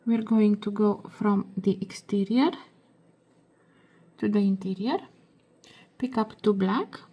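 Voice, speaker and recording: A woman hosting a beading tutorial, giving soft step-by-step instructions, her voice hoarse as if she is losing it. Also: medium pitch, steady tone. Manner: soft, slow, half-whispered while working.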